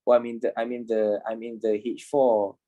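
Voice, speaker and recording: A man's voice: mid-range voice, flat delivery, normal speed, dark tone, dull audio. A man in his twenties, a trading instructor talking informally in an online class, repeating himself and swearing casually. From Malaysia. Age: 20s.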